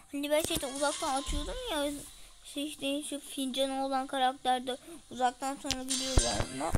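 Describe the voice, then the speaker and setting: A woman giving casual, excitable commentary on her gameplay and talking to her viewers. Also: sits high, noisy background. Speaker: gaming streamer. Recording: music playing in the background.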